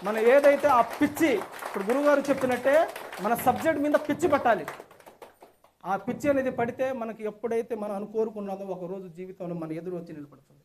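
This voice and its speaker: A high-voiced man speaks quickly and eagerly, repeating his points for emphasis. He gives a testimonial to a class while standing in a hotel meeting hall. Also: a little hiss or hum. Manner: enthusiastic, repetitive, emphatic. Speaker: seminar participant giving a testimonial.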